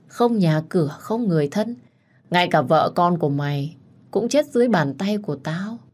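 A woman voicing a crazed, jealous young man who holds a knife and threatens and taunts in a menacing, shouting way. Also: lowish voice, husky.

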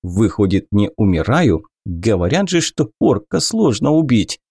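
A man narrating an adventure audiobook in the first person, expressive and acting out the hero's panic. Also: on the low side, measured pace, husky, dry recording, clean studio sound.

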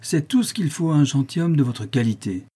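A man's voice: on the high side, big pitch swings, a little fast, warm tone, slightly rough, voice pushed up. A man voicing a proud, domineering count of seventy-three who speaks in a solemn, dry and harsh tone. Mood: haughty.

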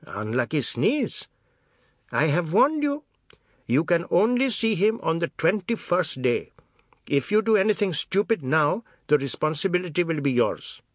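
A man voicing a furious, scolding old village grandmother in a storybook reading, shrill and sharp-tongued. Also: sing-song, unhurried, no echo, studio quality.

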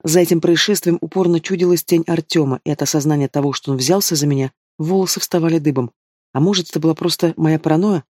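A man reads a first-person story at a brisk clip. His voice sits a little high for a man and stays steady. The recording is dry and close, with no room sound. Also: no echo. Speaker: audiobook reader. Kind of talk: scripted first-person narration.

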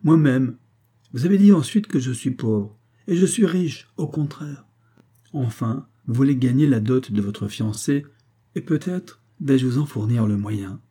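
A man voicing a calm, good-humoured aristocrat in a read-aloud story, speaking with light, wry amusement. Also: medium pitch, unhurried, husky, voice pushed up. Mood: amused.

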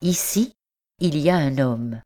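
A woman's voice: low-pitched, lively intonation, unhurried, dark tone. A woman doing a driven young nobleman scholar. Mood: persuasive. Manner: courteous, then urgent and driven.

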